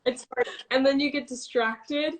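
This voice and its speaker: A young woman with a slightly raised pitch chats over a phone video call. She is eager and agreeable, jumping in quickly to echo and build on what she hears. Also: fairly even intonation, background noise. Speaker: livestream co-host. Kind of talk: casual chat.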